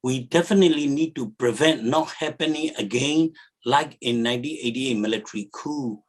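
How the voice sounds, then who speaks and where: A man from Burma, an activist guest on a video call, making an earnest, urgent appeal in plain English. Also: medium pitch. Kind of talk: advocacy appeal on a virtual panel.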